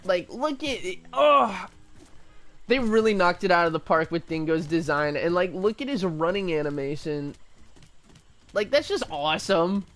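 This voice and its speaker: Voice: mid-range voice, lively intonation, moderate pace, a bit bright, faint music behind. A gaming streamer in casual live-stream commentary, rambling and chatty, drifting into tangents and restarts.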